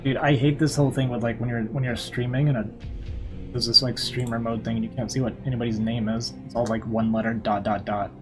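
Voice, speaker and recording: Talking over music, a young streamer and caster chats from his computer in a casual livestream. His medium-pitched voice barely moves in pitch and runs fast, sounding worn out as he rambles cheerfully with many fillers.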